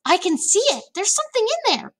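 A woman's voice: a little high, very animated, fairly quick, a bit bright, no echo. A woman voicing a curious, alert young girl in a storybook, with short eager questions and replies. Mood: alert, questioning.

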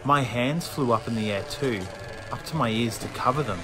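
A man reading a children's horror story aloud in a measured, suspenseful first-person narration, with music underneath. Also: mid-range voice. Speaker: audiobook reader.

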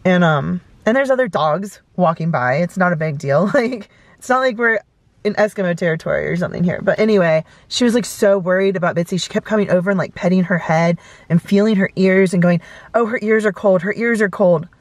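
A vlogger in her thirties talks briskly in a fairly low voice, telling a casual story with lots of fillers. She's filming in her parked car at night with the camera close in front, and the recording is dry.

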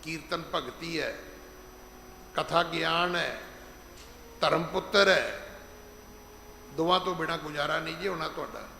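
Middle-aged man as head preacher, emphatic and high-voiced, recorded in a reverberant hall with faint background ambience. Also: creaky, pushed and bright, slight background noise. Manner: emphatic, slows down to stress scripture, acts out quoted speech. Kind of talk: gurdwara sermon. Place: large gurdwara hall.

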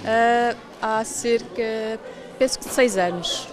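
A woman's voice: fairly high pitch, slow, a crowd in the background. A woman in her forties with a European Portuguese accent, a community centre coordinator explaining at length with many fillers. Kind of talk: interview. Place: large indoor hall with clothing stalls. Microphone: handheld reporter mic.

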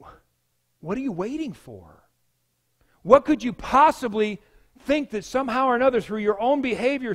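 A pastor preaching a sermon, emphatic, swinging between loud declarations and hushed lines. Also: male voice, very high voice.

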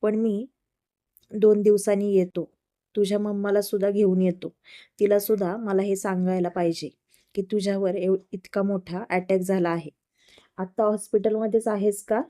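A woman's voice: medium pitch, level tone, moderate pace, warm tone, natural voice. A woman reading the lines of a stern, worried middle-aged father in a storybook tale. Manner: stern, scolding.

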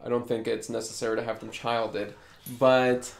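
A man's voice: medium pitch, little pitch movement, moderate pace, creaky. A man live-streaming as a game developer, explaining in a casual way and thinking aloud while he works.

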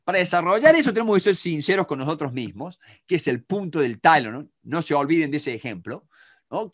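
A middle-aged man with an Argentine Spanish accent teaches negotiation in a live online class, lively and talking to students by name with frequent checks on whether they follow. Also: a little high. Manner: animated, talks to students by name, many rhetorical checks. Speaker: negotiation instructor.

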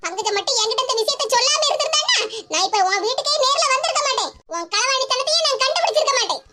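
A woman's voice: very high voice, expressive, rapid-fire, very noisy. A woman voicing a suspicious old mother who scolds and accuses her son in a Tirunelveli Tamil accent. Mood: angry scolding.

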